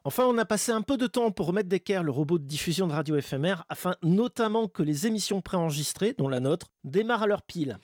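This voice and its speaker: A man with a fairly high voice presents a radio chronicle in a wry way. The sound is close and dry, as in a studio. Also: animated, quick pace, few pauses, darkish tone, no echo. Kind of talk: semi-scripted radio chronicle.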